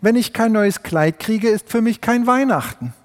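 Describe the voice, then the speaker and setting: A man's voice: high voice, expressive, moderate pace, long reverb tail, pitched above the performer's own voice. A man voicing a vain peacock in a storybook fable, one who demands to show off his new finery.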